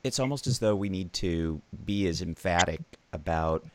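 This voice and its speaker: A man hosting a podcast interview, relaxed, with small laughs and affirmations. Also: sits low, normal speed, noisy background. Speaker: podcast host. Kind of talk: casual interview chat.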